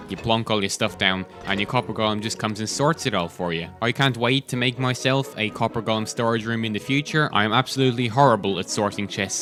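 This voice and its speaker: A man's voice: mid-range voice, pushed and bright. A man hosting gameplay commentary, chatty and enthusiastic, talking while chewing gum. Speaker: host.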